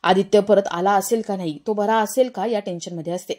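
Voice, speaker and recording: A woman narrating a television serial recap in a plain, steady storytelling way. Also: medium pitch, brisk. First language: Marathi.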